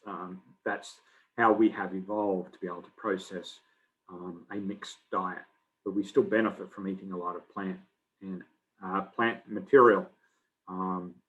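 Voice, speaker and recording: Man, middle-aged, recorded biology lecture, low voice, dull muffled audio. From Australia. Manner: relaxed and conversational, many fillers.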